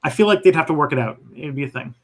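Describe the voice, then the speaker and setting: A man hosting a live stream on a history channel answers viewer questions thoughtfully but hesitantly, with many fillers and restarts. His fairly high voice has lively intonation, and he talks rapid-fire.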